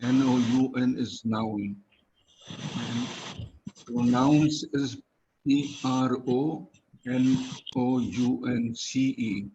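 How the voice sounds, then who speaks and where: A man's voice: mid-range voice, steady tone, extremely slow, mellow, highs cut off, a little hiss or hum. A man teaching English pronunciation one-on-one, patiently spelling words out letter by letter. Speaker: English tutor.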